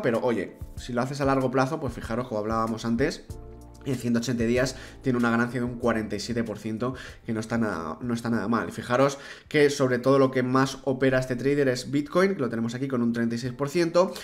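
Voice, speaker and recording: A young man with a Spanish accent from Spain, hosting a screen-recorded crypto tutorial, chatty and speaking straight to viewers with frequent restarts. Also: medium pitch. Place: indoor room.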